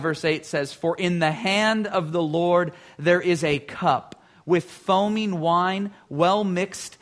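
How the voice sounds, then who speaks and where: A man preaching a sermon as pastor. He builds emphasis, slows down for scripture readings and often repeats a word as he starts a thought. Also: fairly high pitch, fairly bright tone.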